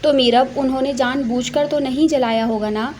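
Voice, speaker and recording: A woman's voice: high voice, steady tone, normal speed, a little mellow, a little hiss or hum, close to an everyday voice. A woman voicing a stern, exasperated middle-aged mother who scolds and reasons. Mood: reproving.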